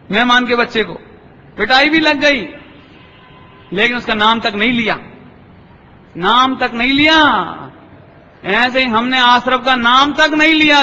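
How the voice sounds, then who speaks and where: A male religious teacher tells parables in a high, bright voice, breaking off to ask whether the audience follows. He acts out the people in his stories. The sound is dull and lo-fi, with a long hall reverb. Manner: storytelling, checks understanding with rhetorical questions. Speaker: Jain scholar giving a discourse. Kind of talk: sermon with parables. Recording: dull, echoey lecture hall.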